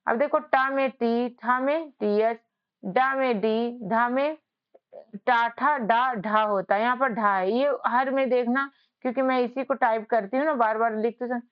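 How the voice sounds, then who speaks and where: A woman's voice: a little high, unhurried, smooth, dull audio. A woman teaching spelling in a patient lesson, repeating each point and asking questions back to her students. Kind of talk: whiteboard lesson.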